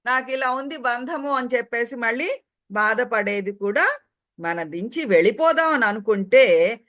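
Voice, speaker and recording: A woman teaching in a calm spiritual discourse. She explains patiently, sometimes recites Sanskrit verses, and acts out short everyday quotes as examples. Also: a little high. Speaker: spiritual teacher translating commentary.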